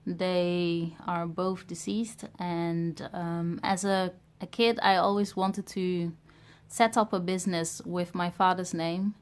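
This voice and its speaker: A woman from Ghana who grew up in Europe, now in her thirties, talks reflectively to camera about starting a business in a personal vlog. Her smooth, lowish voice barely moves in pitch, and she hesitates often with pauses and fillers.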